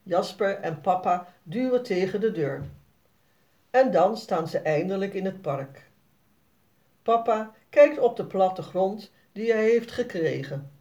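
A children's storybook narrator who reads slowly and clearly. The delivery is expressive, with a lively, melodic rise and fall. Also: mid-range voice, muffled recording. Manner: slow, expressive reading for children. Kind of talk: storybook read-aloud.

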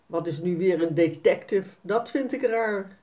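A storyteller voicing an excited, insistent little girl. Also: mid-range voice, unhurried, far from the mic, lightly acted.

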